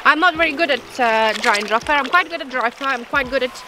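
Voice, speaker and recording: A woman's voice: sits high, quick pace, background noise. Chatty woman fishing on a river. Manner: chatty, self-mocking, excitable when hooking fish. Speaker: fly fishing vlogger. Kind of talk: casual chat while fishing. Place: outdoors on a riverbank. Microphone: camera mic, sometimes far. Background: music.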